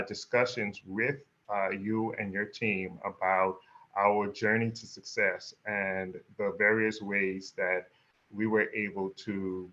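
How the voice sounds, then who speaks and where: Flat, bright-toned man on a dull line. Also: on the low side. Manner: courteous, with "uh" fillers. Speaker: guest speaker, university administrator. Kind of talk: formal thank-you remarks.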